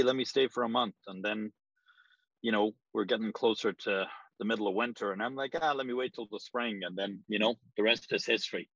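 A middle-aged Irish man talks through his answers loosely, pausing on ums and restarting his sentences. His voice sits a little low and sounds dry and close. The recording is dull and slightly lo-fi. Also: fairly bright tone, no room sound. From Ireland. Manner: rambling, hesitant with frequent ums. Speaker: real estate agent, guest. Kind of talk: casual interview answers.

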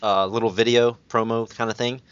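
A man hosting a laid-back podcast chat, cursing freely and leaning on fillers as he wanders through his points. His voice sits at an ordinary middle pitch. It comes through a dry, slightly dull lo-fi recording. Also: level tone, a little fast, clear, resonant tone, dry recording. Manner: swears freely, rambling with fillers. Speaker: podcast host. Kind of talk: casual wrestling chat.

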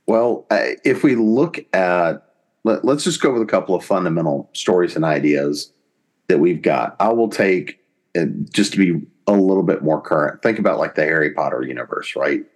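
A deep-voiced man, a podcast guest, explains things in a conversational yet deliberate way. He's animated, and he pauses mid-sentence while working out each thought.

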